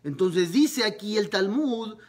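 A man, a rabbi, teaching a Talmud lesson, retelling a story with lively narration and rhetorical questions. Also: high voice, slow pace.

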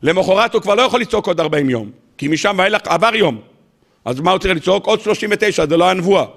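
A man, a rabbi, gives a weekly sermon to a live audience. He asks lively rhetorical questions and acts out the stories with humor. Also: high-pitched, creaky.

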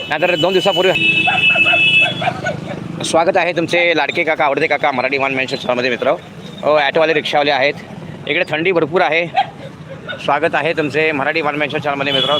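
A man's voice: on the high side, heavy background noise. Chatty middle-aged man on a night walk. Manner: chatty, with many fillers and restarts. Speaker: vlogger. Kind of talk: live-stream walking vlog. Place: outdoors on a city road at night.

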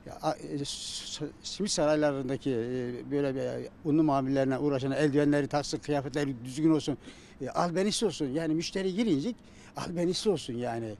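Higher-voiced middle-aged man, halting interview talk. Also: a little mellow. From Çorum, Turkey. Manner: halting, stumbling over words. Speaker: interviewee, simit seller and retired civil servant. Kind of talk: informal interview answers. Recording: faint outdoor street noise.

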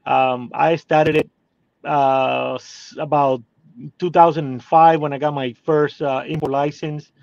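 A Cuban man in his forties, speaking English as a second language with a Cuban Spanish accent, hesitantly tells his story as a guest in a casual interview from a parked car, using many fillers. His slightly high, gravelly, darkish voice is slow with little pitch movement. It comes through a phone video call as dry, slightly dull audio.

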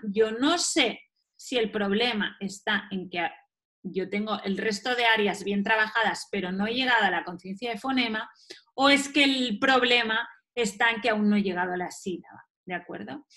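A woman's voice: fairly high pitch, pushed and bright. A woman from giving a recorded lecture, explaining step by step and answering her own questions. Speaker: teacher.

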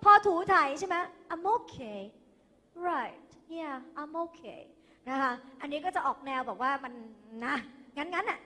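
A high, bright-voiced Thai woman teaches English to a class of students. She coaxes them along playfully and keeps drilling their pronunciation. Her voice rings with long hall reverb, as if it was caught on a phone. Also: normal speed, hardly any pauses. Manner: lively, calls students "kids" and "dear", drills pronunciation. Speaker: English tutor. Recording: echoey hall, phone recording.

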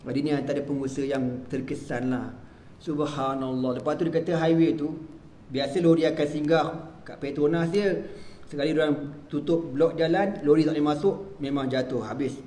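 Give me a Malaysian man giving a storytelling sermon, with a slightly high voice. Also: steady tone, moderate pace, warm tone, reverberant, slight background noise. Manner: storytelling, acting out quoted dialogue. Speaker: religious teacher. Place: mosque prayer hall.

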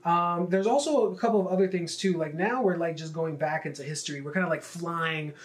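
A man's voice: fairly high pitch, fairly quick. A man, a poet, casually talking viewers through his own poem in a loose, chatty way, with many fillers and stumbling repeats. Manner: addresses viewers directly in friendly slang. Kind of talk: casual spoken walkthrough to camera.

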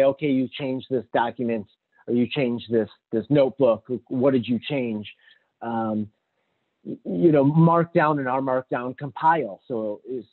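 Guy doing a tech talk over a video call, full of ums and restarts, sounds like a phone line. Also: fairly high pitch. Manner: rambling with many fillers and restarts. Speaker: conference speaker. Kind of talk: casual technical talk. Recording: tinny phone-like audio.

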